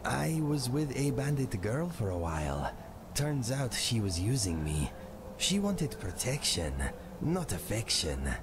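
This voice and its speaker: An actor playing a wry, melancholy former addict turned mercenary in a fantasy game, confessing in measured, formal speech. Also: male voice, mid-range voice, very animated, background noise. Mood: bitter, wry. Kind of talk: scripted fantasy game dialogue.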